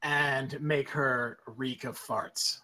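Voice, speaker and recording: A man's voice: medium pitch, fairly even intonation, drawn-out words, bright, forceful tone, poor audio. A man chatting casually as a player in a tabletop role-playing game.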